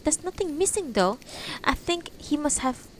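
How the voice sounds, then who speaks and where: A woman's voice: high-pitched, expressive, normal speed, pitched above the performer's own voice. A woman voicing a shaken, earnest young lady giving testimony in a storybook reading. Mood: puzzled, earnest. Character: shaken, discreet young Japanese lady recounting an intruder. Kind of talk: audiobook-style character reading. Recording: noticeable background noise.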